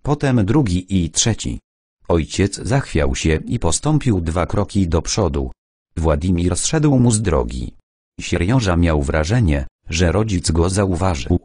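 A man narrating an audiobook in a calm, even storytelling manner. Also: low voice, a little slow, husky, no room sound, clean studio sound.

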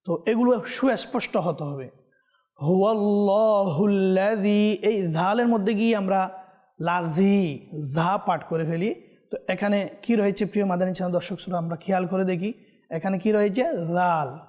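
A man teaching Quran recitation on a televised lesson. He often addresses the viewers directly and stretches words slowly when he demonstrates pronunciation. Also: high voice, a little mellow.

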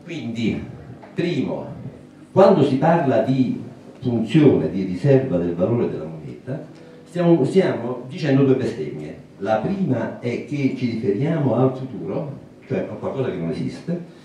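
Man, 60s, lecturing to a small audience; mellow, lively pitch, very reverberant distant recording. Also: a little hiss or hum. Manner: thoughtful, pausing, with many fillers and restarts. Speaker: speaker at a public talk. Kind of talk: public lecture. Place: small meeting room, indoors. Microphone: handheld mic, recorded by a far camera. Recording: roomy echo from a distant camera.

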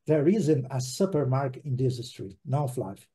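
A man's voice: mid-range voice, expressive, unhurried, crowd noise. A man teaching an online English class in Portuguese, patiently repeating words for drills and checking in with the class.

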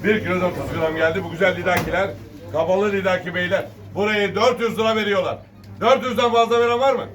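High-voiced male fish auctioneer, distant mic. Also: steady tone, fast, a bit bright, soft background music. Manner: repetitive sing-song auctioneer calls to the crowd. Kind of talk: auctioneer calling weights, prices and bids. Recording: distant mic, noisy market, birds cooing.

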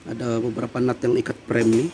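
Here a Malaysian-accented man in his thirties explains, step by step and with fillers, how to fix a car's air conditioning for a casual vlog. He talks fast in a warm, monotone mid-range voice, filmed on a handheld phone against the noise of a workshop.

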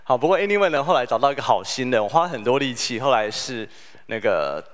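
A man's voice: mid-range voice, very animated, fast talker, fairly bright tone. A man, giving a humorous, story-driven conference keynote. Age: 40s. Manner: humorous, storytelling, self-deprecating. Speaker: keynote speaker. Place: conference hall.

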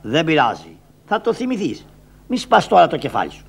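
A man voicing a calm lotus-eater islander in a shadow-puppet play, speaking softly and coaxingly. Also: on the high side, creaky, slightly rough, heavily acted. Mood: soothing. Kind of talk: traditional shadow-puppet theatre voice.

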